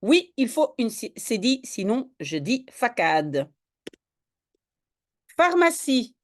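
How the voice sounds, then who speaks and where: Slow, patient woman tutoring French spelling. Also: high-pitched, big pitch swings, darkish tone. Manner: slow, patient, explains each word step by step. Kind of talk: one-on-one spelling lesson.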